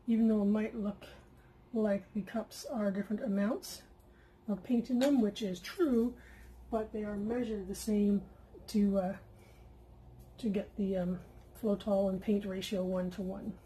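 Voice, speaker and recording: At her craft table at home, a paint-pouring host from Canada gives a casual tutorial chat at a measured pace with long pauses, speaking at medium pitch, relaxed and full of asides and fillers. She feels she's losing her voice; the recording is rough with slight background noise.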